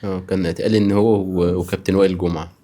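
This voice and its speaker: An Egyptian man hosts a casual interview in natural, unscripted talk. His voice is low and mellow, and he fires off probing questions very quickly. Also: flat delivery. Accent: Egyptian Arabic. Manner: probing, presses with short questions. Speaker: interview show host.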